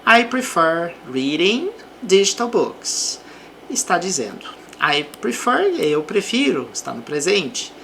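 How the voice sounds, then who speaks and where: A woman with a Brazilian accent teaching English, reading example sentences slowly and explaining them. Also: on the low side, a bit bright, a little hiss or hum. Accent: Brazilian Portuguese. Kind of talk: slow explanatory language lesson.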